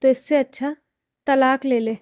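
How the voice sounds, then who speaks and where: A woman voicing a firm, wise middle-aged mother who speaks calmly and sternly. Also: high voice, unhurried, no room sound, clean studio sound. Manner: calm, then stern.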